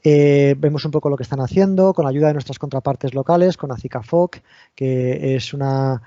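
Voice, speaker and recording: An invited lecturer from Spain, going by his accent, talks through a technical topic online step by step and keeps restarting his sentences. He speaks at a moderate pace in a mellow, medium-pitched voice. The sound is lo-fi, with no room sound.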